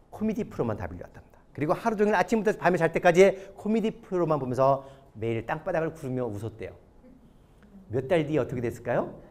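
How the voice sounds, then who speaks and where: A male pastor giving a lively sermon lecture to an audience, often putting questions to them. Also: medium pitch. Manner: animated, asks the audience questions. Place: church or hall lecture before an audience.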